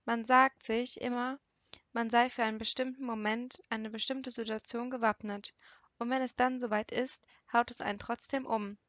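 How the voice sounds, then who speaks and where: A woman narrating an audiobook in a calm, measured first-person storytelling voice. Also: fairly high pitch, no echo. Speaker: audiobook reader.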